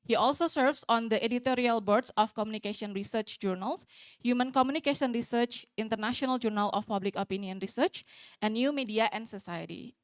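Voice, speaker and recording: Female conference moderator, slightly high voice, formal read introduction, dry sound. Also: no echo.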